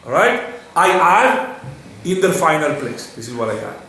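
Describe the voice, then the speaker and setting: A man teaching a Torah class questions his students and often restarts his sentences. His voice runs on the high side with big pitch swings, a sharp tone and a moderate pace, in a very echoey room with faint background noise.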